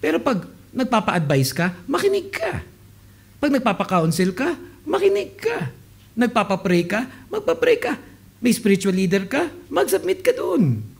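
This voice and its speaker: Late-20s male pastor, high voice, expressive sermon storyteller. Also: normal speed, vocal fry. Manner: animated storytelling, mixing Tagalog and English, acting out quoted people.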